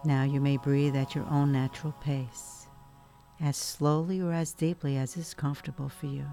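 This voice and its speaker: A woman guiding a relaxation meditation in a soft, soothing, hushed spa voice, leaving long pauses between phrases. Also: low voice, level tone. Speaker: meditation guide. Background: music.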